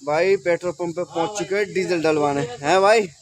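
High-voiced and fairly quick, a trucker in his thirties narrates his road travels casually into a phone held at arm's length. He's chatty, often calling his viewers "brother" and "friends." The phone recording is noisy, made outdoors near trucks on roads and at highway stops.

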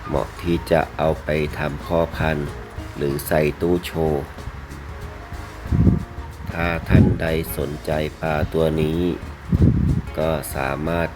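A man narrates a sales video in a very deep voice. He takes his time, speaking politely in short, separated phrases with little melodic movement. Music plays behind him. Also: flat delivery, slow pace, long pauses, rough recording. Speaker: fish seller presenting betta fish for sale.

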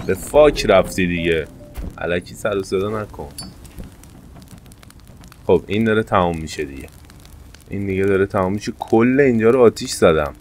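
A man commentating his gameplay casually, excitable, jumping to sudden high-pitched yelps. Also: a little hiss or hum. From Iran. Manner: excitable, jumps to high-pitched yelps when fires start. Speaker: gameplay streamer. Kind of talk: casual let's-play commentary.

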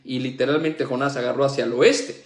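A man teaching a Bible study, checking in with his listeners with frequent tags and rising emphasis. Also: a little fast. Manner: frequent "¿verdad?" and "¿ok?" tags, lively pitch. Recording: echoey room.

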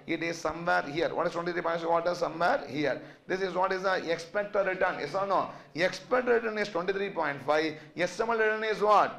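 Male lecturer, Tamil accent, fairly high voice, question-driven classroom delivery, roomy echoing recording. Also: gravelly, a bit bright. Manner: quizzing, repeatedly asking questions and checking understanding. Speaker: finance lecturer. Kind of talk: interactive classroom teaching. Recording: echoey classroom sound.

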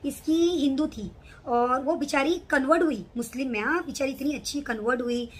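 A woman's voice: sits high, normal speed. A middle-aged woman vlogger telling an agitated personal story to the camera. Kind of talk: emotional personal account to camera.

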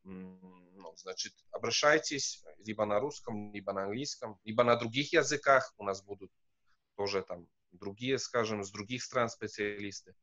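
On a video call from an indoor, wood-panelled room, a male professor in his thirties answers as a guest in a fairly low, pushed, bright voice. He's a non-native speaker whose first language isn't Russian, and his moderate-paced speech is hesitant, full of fillers and restarts. The recording sounds muffled.

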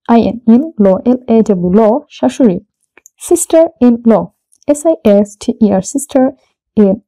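A woman who speaks Bengali as her first language, teaching English vocabulary in a slow lesson, spelling each word out letter by letter before giving its meaning. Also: a little high, warm tone, low-quality recording.

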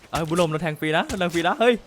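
A male game streamer talks at a fast clip, sitting a little above the usual male pitch. He trash-talks his friends nonstop and repeats words in rapid bursts, with faint gunfire in the background. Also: expressive, fairly bright tone, slight background noise. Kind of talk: live gameplay commentary.

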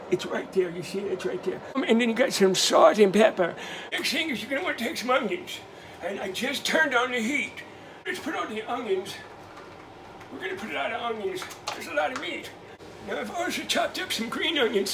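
A man's voice: very high-pitched, recorded from a distance, noisy background. A middle-aged man playing a silly, distracted old grandpa who cooks in his home kitchen and keeps stumbling over his words. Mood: goofy. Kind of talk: comedic cooking vlog. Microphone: handheld phone camera.

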